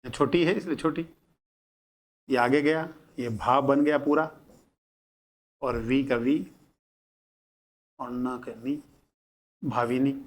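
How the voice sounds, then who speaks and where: A man teaching grammar in a lecture, breaking words into single sounds and repeating them deliberately. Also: medium pitch, steady tone. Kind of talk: classroom lecture explaining at a board.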